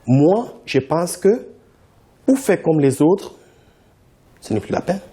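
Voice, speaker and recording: Slow and husky yet lively in pitch, a man from Cameroon who grew up speaking English responds to TV interview questions as a company founder. He's insistent, repeating what he's said.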